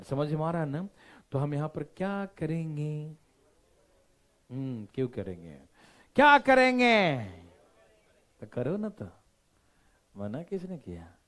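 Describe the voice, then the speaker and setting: Male math teacher, playful and interactive, animated intonation. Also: fairly high pitch. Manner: animated, constantly checking understanding with listeners; playful, joking asides. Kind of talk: classroom lecture.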